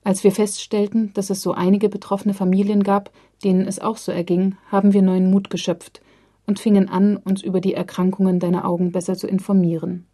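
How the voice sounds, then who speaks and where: A woman reads a story aloud in a calm, even manner. Her voice is dark and mellow, with a slightly husky edge. She speaks the dialogue quietly. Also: mid-range voice, brisk. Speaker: narrator. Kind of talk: audiobook reading.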